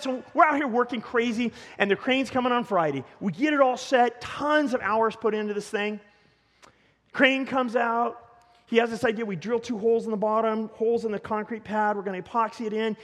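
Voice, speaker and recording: A man preaching as a pastor, telling a story in an animated way with stumbles and repeated words. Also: high-pitched. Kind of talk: storytelling sermon. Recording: long hall reverb.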